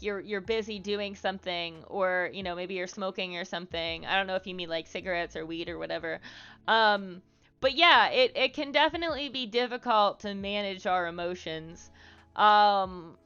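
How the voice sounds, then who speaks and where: A woman's voice: mid-range voice, pushed and bright, clear, resonant tone. A young woman live streaming, chatting casually with her viewers and giving advice in a rambling way full of fillers. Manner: rambling, many fillers and "like"s, candid. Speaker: live streamer answering chat. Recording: dull lo-fi stream audio.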